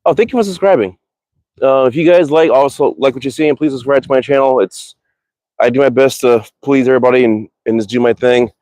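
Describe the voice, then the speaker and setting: A man's voice: mid-range voice, brisk, darkish tone, dry recording. A man livestreaming outdoors about his bows, talking casually, rambling and swearing freely as he reads viewer comments. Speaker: archery livestreamer. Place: outdoors in a cold, windy backyard.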